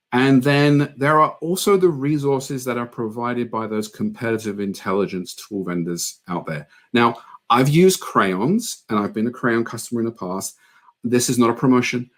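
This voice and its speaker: A man giving an online conference presentation on product marketing, earnest and conversational with frequent ums. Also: fairly low pitch.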